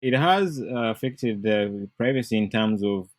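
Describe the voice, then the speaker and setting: Ugandan young man, low voice. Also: expressive, no room sound. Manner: measured, explanatory. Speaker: PhD candidate guest. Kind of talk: interview answers.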